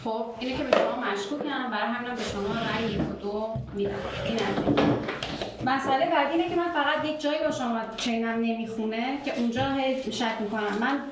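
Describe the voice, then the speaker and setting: Woman player reasoning aloud, noisy room. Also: on the high side. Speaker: game player. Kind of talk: arguing in a social deduction game. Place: game cafe room. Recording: distant mic, roomy, loud background noise.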